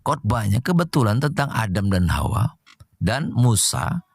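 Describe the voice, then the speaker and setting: A man from Jambi, Indonesia, giving an emotional personal testimony in church, animated and often turning to his listeners as friends. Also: medium pitch, measured pace, husky, no echo, clean studio sound.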